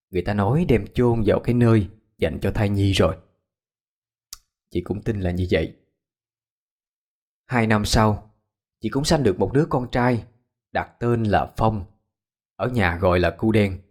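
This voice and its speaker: A man's voice: on the low side, unhurried, pauses often, darkish tone. Somber male storyteller. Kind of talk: ghost story narration.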